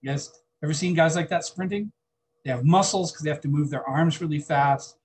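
Teaching biology in a classroom, this man talks conversationally with the class and puts questions to students. His voice is a little high, a little fast and darkish in tone, with a slight hiss or hum on the recording.

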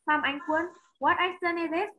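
Over a video call, a woman with a Vietnamese accent teaches an online English class, calling on students by name, repeating their answers and switching between English and Vietnamese. Her voice is extremely high and sharp, with fairly even intonation and a moderate pace, and the sound is lo-fi.

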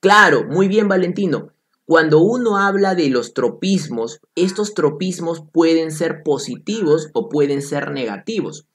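A male biology teacher with a Peruvian Spanish accent leads a lively exam-prep class, repeating key points and calling students by name. His voice sits a bit higher than most men's, and he keeps the tone playful and direct. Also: a little slow.

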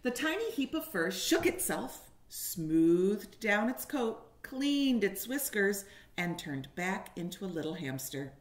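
Reading a picture book at home, a woman in her forties uses a mid-range, sing-song voice at a slow pace. The kindergarten teacher reads expressively and asks young listeners questions, recorded on a webcam with roomy living-room echo.

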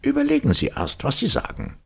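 A man with a gravelly, husky voice voicing a strict, pedantic male professor who lectures in a dry tone. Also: sits low, wildly swooping pitch, moderate pace, pitched above the performer's own voice, exaggerated voice.

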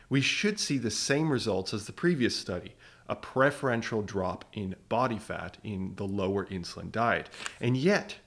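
Male science explainer, lower pitch, punchy rhetorical delivery. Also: a bit bright. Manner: emphatic, rhetorical questions. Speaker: science educator. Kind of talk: scripted explainer narration.

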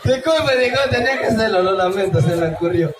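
Dressed up as a goofy clown, a man runs a comedy street show in a town plaza near a bandstand after dark, ribbing and pumping up the audience. He talks quickly in a highish, animated voice. Recorded from a far-off camera, the echoey audio competes with blaring music and a noisy crowd.

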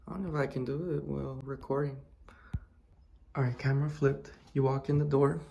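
A man's voice: mid-range voice, little pitch movement, brisk, gravelly, mellow, lo-fi sound, slight background noise. A young man in his twenties giving a chatty, filler-heavy house tour as a vlogger, recorded on a handheld phone camera. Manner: loose and chatty, full of fillers. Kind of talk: casual house tour vlog. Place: indoors at home. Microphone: phone held in hand.

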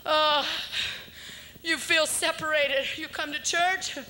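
Very high, bright-voiced woman preacher. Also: fairly even intonation, slow pace, low-quality recording. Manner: fervent, swinging between shouting and hushed whispers. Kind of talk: impassioned sermon.

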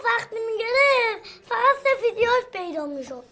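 A man's voice: very high voice, big pitch swings, pushed and bright, heavily acted. An actor playing a young boy who misses his father, pleading and tearful. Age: child.

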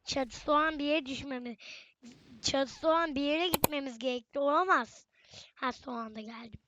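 A woman's voice: high-pitched, normal speed, a bit bright, lo-fi sound. A young woman giving casual, chatty gameplay commentary, often exclaiming and talking straight to her viewers. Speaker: gaming channel host.

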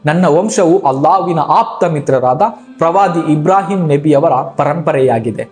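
A calm, modest mother voiced by a man in a storybook telling, soft-spoken and humble. The voice is fairly high for a man. Faint music runs behind her. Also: unhurried, close to an everyday voice.

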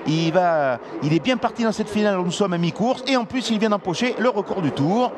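A man's voice: sits high, expressive, a little fast. A man working as a motorsport commentator, calling a live race with exclamations and repeated phrases. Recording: loud engine and track noise behind. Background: outdoor race cars and track ambience.

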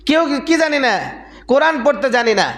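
A man's voice: very high-pitched, lively intonation, moderate pace, a bit bright, reverberant. A man preaching a Friday sermon as a mufti, repeating his points and firing rhetorical questions at the congregation. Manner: emphatic, repetitive preaching cadence.

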